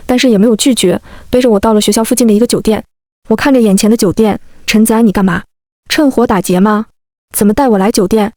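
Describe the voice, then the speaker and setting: A woman telling a first-person story in a brisk, steady reading voice. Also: on the high side, no room sound, studio quality. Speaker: story narrator.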